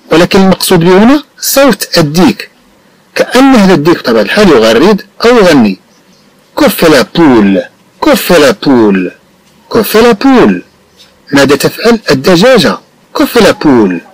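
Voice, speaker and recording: A Moroccan man teaching a French lesson. He explains in Arabic, saying French phrases slowly and deliberately and the Arabic explanations quickly. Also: a little high, no echo, low-quality recording.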